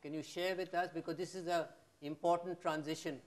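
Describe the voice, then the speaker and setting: An older man, putting measured, polite questions as interviewer on stage, recorded on a lapel mic. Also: on the high side, level tone.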